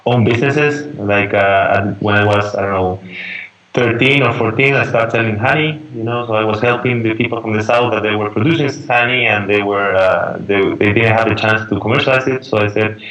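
Halting young Chilean man. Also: lowish voice, steady tone, fairly bright tone, low-quality recording. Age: young adult. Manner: halting, restarts and searches for words. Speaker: podcast guest, entrepreneur. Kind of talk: casual interview answers.

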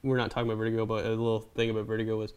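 A man's voice: on the low side, monotone, rapid-fire, darkish tone, smooth. A young man co-hosting a casual movie podcast, rambling and joking and acting out lines he quotes. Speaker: podcast co-host.

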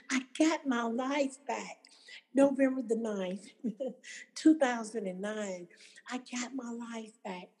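A woman's voice: fairly high pitch, warm tone, poor audio. A woman telling her own recovery story to an audience, acting out what others said. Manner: storytelling, acting out quoted voices. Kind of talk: personal testimony to an audience.

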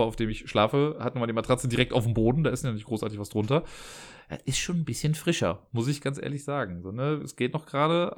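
A man telling a story in a chatty, exasperated rant from his living room, often tagging his sentences with a questioning "ne?". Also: medium pitch.

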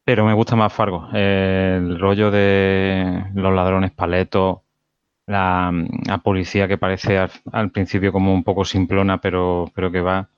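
Flat, deep-voiced Spanish man, dull mic. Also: unhurried, smooth, dry recording. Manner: laid-back, hesitant with frequent fillers. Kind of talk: casual film discussion.

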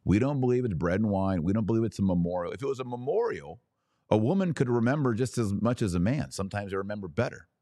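This man hosts an opinionated religious podcast, speaking fast in a lowish, expressive, warm voice as he preaches emphatically straight to his listeners. He peppers the monologue with rhetorical questions and asides. The studio-quality recording has no room sound.

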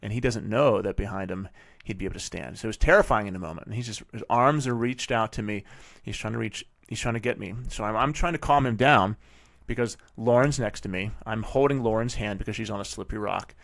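Gravelly low-voiced man telling a story. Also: fast talker, no echo. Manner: vivid, animated retelling with frequent restarts. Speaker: podcast host and father. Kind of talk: casual storytelling monologue.

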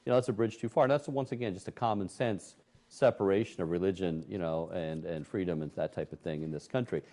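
A middle-aged man hosting a talk show, commenting on the news with indignation and animated, acted-out quotes. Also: low voice, fast. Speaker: host. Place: Michigan.

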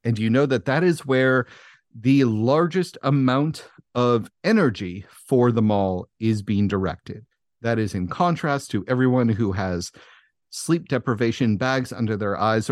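A man narrating a tabletop game as game master, setting scenes in a dramatic, deliberate way. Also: medium pitch, lively intonation, no echo, clean studio sound.

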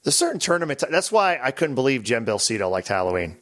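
A man's voice: mid-range voice, sing-song, fast, a bit bright. A man co-hosting a podcast, chatting casually and joking, rambling with frequent restarts. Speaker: podcast co-host. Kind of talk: casual chat.

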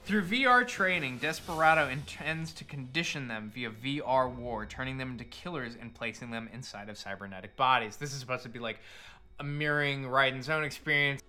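A man's voice: medium pitch, fairly quick, pushed and bright, soft background music. A man hosting a podcast, telling a story in a partly scripted, casual, irreverent and emphatic way, with some swearing. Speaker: podcast host.

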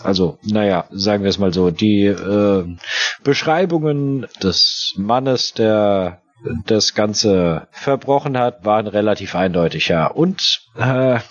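A man playing a Victorian police detective inspector who talks haltingly, with many fillers and restarts. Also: on the low side, highs cut off. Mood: earnest.

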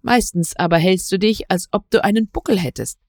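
A woman reading aloud voices a brisk, sharp-tongued wife who scolds and urges her husband along. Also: no room sound, studio quality, natural voice. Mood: scolding. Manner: brisk, scolding, higher pitched.

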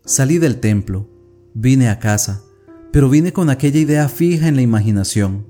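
A man's voice: medium pitch, lively intonation, normal speed, warm tone, faint music behind, lightly acted. A man voicing a young woman who is obsessed and tormented, speaking a feverish, brooding monologue in an audiobook reading of a classic tale.

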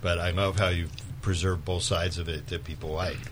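A man's voice: deep voice, flat delivery, moderate pace, slight background noise. A man co-hosting a radio show, describing wine in an appreciative way.

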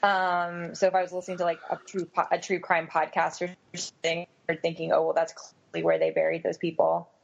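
A woman's voice: lowish voice, monotone, fairly quick, vocal fry, hardly any pauses. A woman co-hosting a podcast, chatting casually and telling rambling, self-mocking stories. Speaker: podcast co-host. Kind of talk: casual chat. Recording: dull lo-fi sound.

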